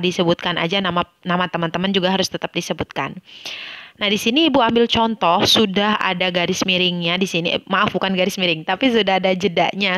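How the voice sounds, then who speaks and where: A woman teacher from Indonesia explains a lesson to young pupils in a patient, explanatory way. She often stops to correct herself. Her voice sits at an ordinary pitch, recorded close and dry with no room sound. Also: fairly bright tone, no room sound. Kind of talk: online class lesson.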